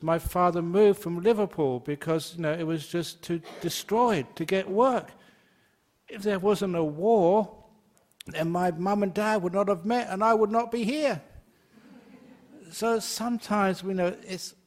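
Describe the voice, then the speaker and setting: An older, English-born Buddhist monk with a high male voice gives a chatty, joking Dharma talk. He takes questions from the floor and laughs often.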